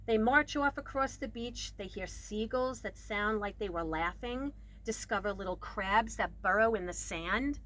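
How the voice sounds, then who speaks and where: Heard on a rough recording with clear background noise, a woman of medium pitch reads a children's picture book aloud. Her reading is expressive, with emphasis on key words and shifting dynamics.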